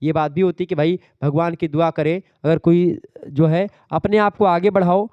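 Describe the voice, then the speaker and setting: A man's voice: fairly high pitch, fairly even intonation, moderate pace, smooth, dry recording, dull audio. A male teacher giving an exam revision lecture, explaining terms step by step and checking that his students follow.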